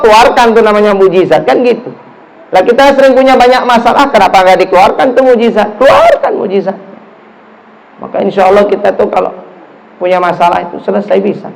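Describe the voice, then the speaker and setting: A middle-aged man from Java with a Javanese accent, giving a lively sermon in a mosque, telling stories and acting out the people in them. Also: very high-pitched, brisk, gravelly, poor audio. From Java, Indonesia. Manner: animated storytelling, acts out dialogue, mixes in Javanese phrases. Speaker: preacher.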